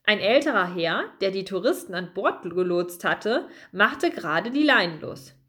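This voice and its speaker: A woman narrating a children's storybook in an expressive, lively reading voice. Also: medium pitch, normal speed.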